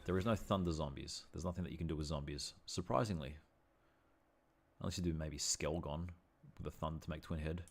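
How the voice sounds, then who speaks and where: Low-voiced man streaming a game. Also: a little fast, vocal fry. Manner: chatty, thinks aloud and corrects himself often. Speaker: livestreamer. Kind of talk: casual gameplay livestream commentary.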